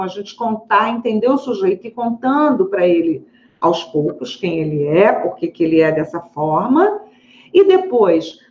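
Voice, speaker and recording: Lady therapist chatting to camera, lots of "right?", roomy echo, bit muffled. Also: fairly high pitch. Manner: animated, chatty, frequent tag questions. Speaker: psychologist, channel host. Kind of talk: casual educational talk to camera. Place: her therapy office. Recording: echoey room, slightly dull audio.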